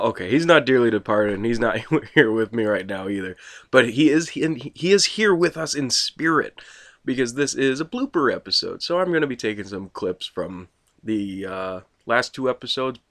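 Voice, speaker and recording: A man's voice: on the low side, fairly bright tone. A young man hosting a casual movie podcast, joking and laughing often. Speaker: podcast host.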